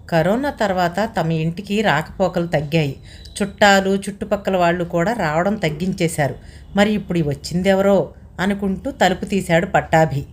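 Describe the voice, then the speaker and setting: A woman host reading a short story aloud as an audiobook, steady and welcoming. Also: fairly low pitch.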